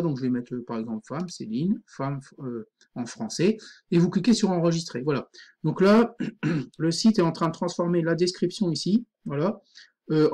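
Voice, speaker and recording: A man teaching a screen-recorded software tutorial, informal and thinking aloud, full of fillers. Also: fairly high pitch.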